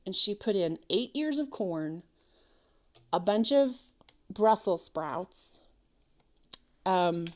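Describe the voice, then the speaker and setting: A married woman vlogging at home while she cranks a sock machine. She talks on and on to herself, now and then tossing in silly sound effects. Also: on the low side. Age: adult, married. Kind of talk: casual chat while working a sock machine. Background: clicking sock machine mechanism.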